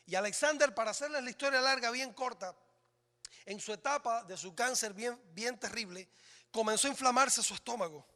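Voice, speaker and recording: Dramatic pastor guy preaching, sharp bright tone, long church echo, goes from shouting to hushed. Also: very high-pitched, fairly quick. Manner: dramatic, swings between loud exclamations and hushed lines. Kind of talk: sermon. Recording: reverberant church hall.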